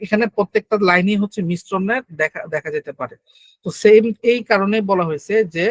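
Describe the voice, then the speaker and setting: A man's voice: high-pitched, no echo, rough recording. A young man giving an exam-prep lecture, explaining step by step and often checking that listeners follow. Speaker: teacher.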